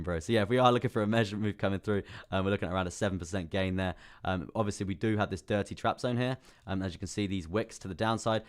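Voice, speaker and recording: A young English man with a hoarse, partly lost voice, hosting a casual crypto live stream, chatting about charts and greeting viewers by name. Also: fairly low pitch. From England. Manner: chatty, reads out viewer names and laughs often.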